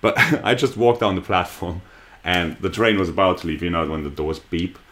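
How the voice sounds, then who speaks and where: Low-pitched man, casual chat, halting restarts, laughs through his stories. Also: fairly bright tone, a little hiss or hum.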